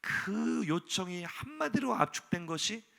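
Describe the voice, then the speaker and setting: A middle-aged male pastor preaching a sermon in an animated way, voicing the people in the text in casual speech. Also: a little high, a little fast, gravelly.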